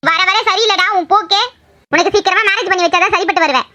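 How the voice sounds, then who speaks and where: A woman voicing a stern, domineering middle-aged mother in an animated cartoon drama, scolding and threatening. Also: very high voice, fast. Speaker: voice actor.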